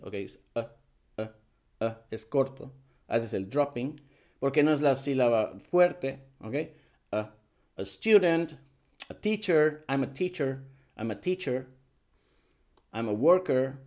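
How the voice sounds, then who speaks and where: A man teaches an English grammar lesson, repeating example words again and again and checking in with a quick "ok?". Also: medium pitch, a little mellow.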